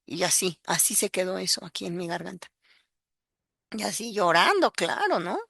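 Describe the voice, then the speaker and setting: A woman's voice: on the low side, sing-song, normal speed, vocal fry, pushed and bright, slightly rough, no echo, studio quality. A woman with a Mexican accent giving an emotional personal testimony, earnest and full of fillers as she tells her story. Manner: earnest, breaks into acted quotes, many fillers.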